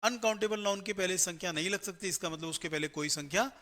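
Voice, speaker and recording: A male grammar teacher giving a step-by-step classroom lecture for exam students, often checking in with a quick "right?". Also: sits high, sharp tone.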